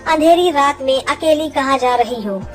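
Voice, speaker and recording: A woman voicing a kind, gentle young male rickshaw driver from a village, reassuring a worried mother. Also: very high-pitched, normal speed, faint music behind.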